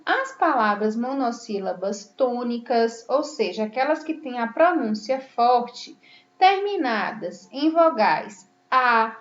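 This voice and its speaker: Lady teacher going over grammar real slow, kinda high voice, echoey room. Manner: slow, patient, stresses each word she explains. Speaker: Portuguese teacher. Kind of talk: classroom lesson explanation. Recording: echoey room, slightly dull sound.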